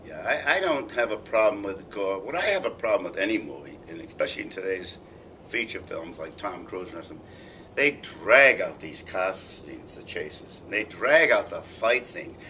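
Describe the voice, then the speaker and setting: An older man, rambling through profane stories as he interviews a guest. His voice sits fairly low but has a forceful, bright edge. A faint hiss runs underneath. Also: moderate pace. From Boston. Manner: animated, rambling, profane storyteller. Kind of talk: casual interview chat. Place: press junket room.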